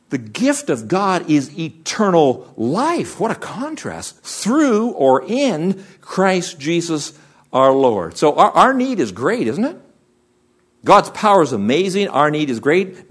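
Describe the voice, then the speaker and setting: A man's voice: a little high, huge pitch swings, takes it slowly, husky. A man preaching a sermon as pastor, asking the congregation rhetorical questions.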